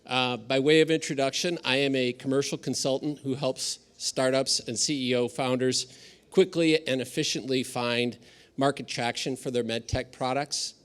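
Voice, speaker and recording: A man's voice: mid-range voice, a bit bright. A man in his fifties with an American accent, moderating a conference panel with polite, formal introductions. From United States.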